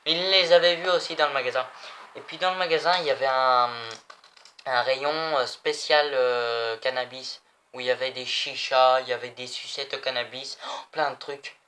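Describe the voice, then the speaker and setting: A man's voice: medium pitch, steady tone, normal speed, bright, forceful tone. A young man chatting casually in a vlog, rambling and repeating himself. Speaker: vlogger. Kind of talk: casual chat showing souvenirs.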